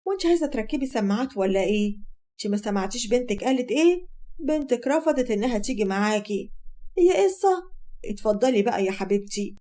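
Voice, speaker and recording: A woman's voice: on the high side, lively intonation, fast talker, natural voice. Woman playing a scornful Egyptian mother-in-law. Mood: mocking. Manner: sharp, mocking, bossy.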